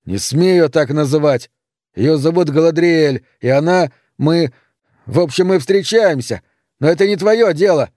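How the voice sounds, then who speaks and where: Роль: вспыльчивый бунтующий молодой сын, дерзкий и громкий, озвучивает мужчина; сухая запись. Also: male voice, fairly high pitch, measured pace, no room sound, clean studio sound, pitched above the performer's own voice, close to an everyday voice. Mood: defiant. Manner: shouting, defiant. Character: rebellious young adult son, hot-tempered.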